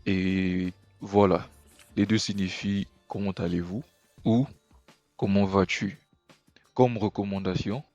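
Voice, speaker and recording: A man teaching English greetings patiently, stopping often to check that the listener follows. His voice is low and sits in a dry, close recording. Faint music plays underneath. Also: darkish tone, no room sound, lo-fi sound. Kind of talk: explanatory language lesson.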